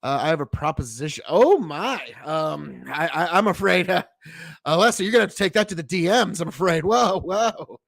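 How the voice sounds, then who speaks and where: A man with a slightly high voice, recorded dry and close. He banters casually with a panel and likes to slip into playful, theatrical asides. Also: expressive, normal speed, vocal fry, a bit bright, dry recording.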